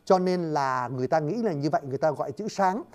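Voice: medium pitch, lively intonation, quick pace, a little mellow. Chatty lecturer spelling words aloud. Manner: addresses listeners often, spells words letter by letter. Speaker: lecturer on word origins. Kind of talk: casual spoken lecture.

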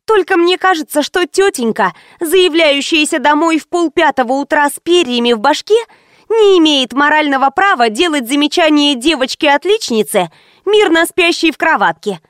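A sarcastic, quick-tongued teenage schoolgirl, voiced by a woman reading an audiobook. She speaks high and bouncy with mocking retorts. The recording is dry and close. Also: expressive, dry recording. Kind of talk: audiobook character voice.

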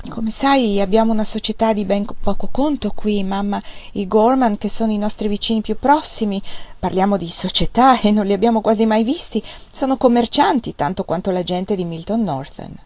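Woman reading as a gentle young daughter. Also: medium pitch, moderate pace, no echo, natural voice. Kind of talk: audiobook character reading.

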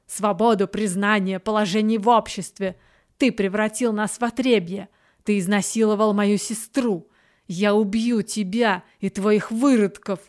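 A woman voicing a bitter, defiant high witch in an audiobook, spitting angry accusations. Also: fairly even intonation, unhurried, darkish tone, close to an everyday voice. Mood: furious.

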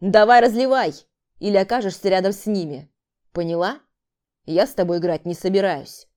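A woman's voice: medium pitch, animated, moderate pace, dark tone, close to an everyday voice. Woman voicing a brutal, barking male killer. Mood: angry. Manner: harsh, barking insults. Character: brutal male killer, sister's brother, furious. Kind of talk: audiobook character voice.

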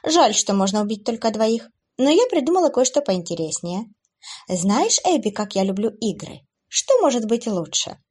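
A woman's voice: on the high side, sing-song, moderate pace, a little mellow, husky. A woman doing a taunting, gloating demoness. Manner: taunting, gloating, sing-song. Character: cruel playful female demoness, gloating.

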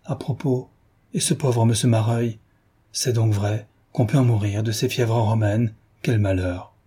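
A man's voice: on the low side, fairly even intonation, a little slow, mellow, slightly rough. A man voicing an effusive, petulant middle-aged mother who scolds fondly in a chattering way, in a novel reading. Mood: dismayed.

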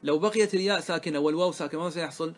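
A man's voice: on the high side, very fast, slight background noise. A man, a religious scholar, teaching a grammar lesson to a class, often quizzing his students and repeating the key points.

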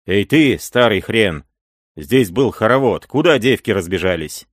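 A man's voice: on the low side, animated, measured pace, no echo. Barked orders from a male reader, audiobook, dry sound. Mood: mocking. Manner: bellowing commands. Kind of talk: audiobook reading.

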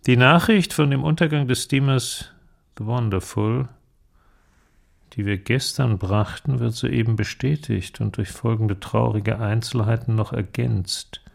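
A male actor with a mid-range voice portrays a sombre, pensive middle-aged inventor in a literary audio drama. His delivery is slow and deliberate, his voice creaky, and the reading feels grave.

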